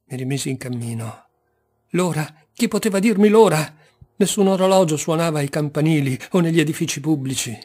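A man reading a literary story aloud in a theatrical way, dropping to hushed murmurs and rising to loud outbursts. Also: on the high side. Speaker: audiobook reader. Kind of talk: dramatic literary narration.

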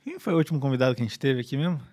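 A man's voice: medium pitch, lively intonation, very fast, darkish tone, no room sound, studio quality. A man co-hosting a casual podcast, teasing and provoking his partner. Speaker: podcast co-host.

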